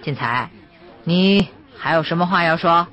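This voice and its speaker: A man's voice: fairly high pitch, measured pace, sharp tone, lo-fi sound. A woman voicing a cruel young male militia squad leader who taunts and mocks his victims in an audiobook reading. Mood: cold. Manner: taunting, mocking.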